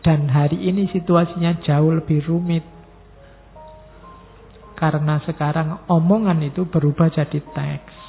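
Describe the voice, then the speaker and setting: A middle-aged man giving a relaxed, conversational philosophy lecture and acting out sample messages. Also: fairly high pitch, a little slow, vocal fry, long pauses, soft background music. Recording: thin phone-like sound in a reverberant hall.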